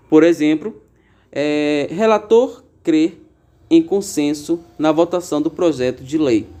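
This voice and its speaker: A man's voice: fairly high pitch, dark tone. A man teaching a grammar lesson, explaining patiently and drawing out example words, with frequent fillers. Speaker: Portuguese teacher.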